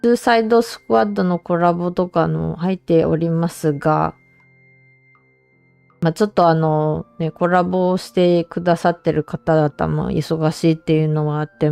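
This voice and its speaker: Woman streamer just chatting w viewers, lowish smooth voice, bit of music behind. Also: mellow, dry recording. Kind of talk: casual livestream chat, signing off to viewers.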